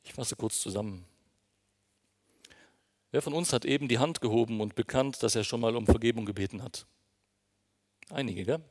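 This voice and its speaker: A man's voice: medium pitch, moderate pace, long pauses. A man preaching a sermon, earnest and emphatic, speaking directly to his congregation. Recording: long reverb of a hall.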